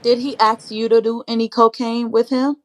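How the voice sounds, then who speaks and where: Woman host with a raised pitch, steady probing questions to a guest. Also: moderate pace. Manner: probing questions, affirming, talks to viewers. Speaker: host interviewer. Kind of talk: casual livestream interview.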